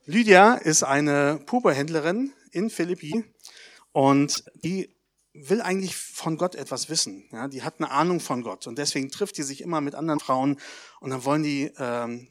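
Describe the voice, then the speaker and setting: A man giving a baptism sermon, telling stories lively and putting questions to the congregation. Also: a little high. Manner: addresses the congregation directly, asks questions; lively storytelling, with pauses and hesitations. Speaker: pastor.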